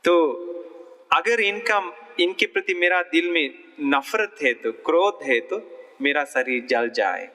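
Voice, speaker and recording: A monk voicing a gentle forgiving devout young woman. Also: a little high, animated, slow pace, exaggerated voice. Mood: earnest.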